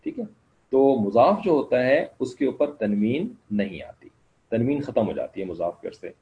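Guy teaching a class, gravelly low-key voice, kinda dull lo-fi audio, keeps checking everyone's following. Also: big pitch swings. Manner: slow explanatory, keeps asking "ٹھیک ہے نا". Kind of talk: online class lecture.

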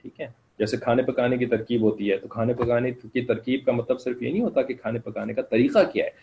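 Guy teaching a class, gravelly low-key voice, kinda dull lo-fi audio, keeps checking everyone's following. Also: a little hiss or hum. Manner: slow explanatory, keeps asking "ٹھیک ہے نا". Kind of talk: online class lecture.

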